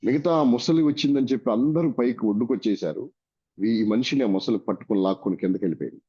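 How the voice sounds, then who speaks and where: Speaking fast at a medium pitch, this Indian preacher with a Telugu accent has a slightly rough voice. He tells a story in his sermon and dramatically voices its dialogue, all on a dull lo-fi recording.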